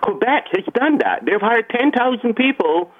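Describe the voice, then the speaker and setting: A man's voice: very high voice, very animated, normal speed, husky. A man calling in to a radio show over the phone, earnest and frustrated, stumbling over his words. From Ontario. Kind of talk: call-in radio talk. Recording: tinny phone line.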